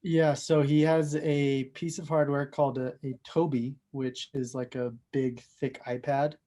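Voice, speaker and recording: A man's voice: medium pitch, little pitch movement, a little slow, dark tone. A man of about thirty from Utah, a podcast guest giving laid-back, short and dry answers. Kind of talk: casual interview chat.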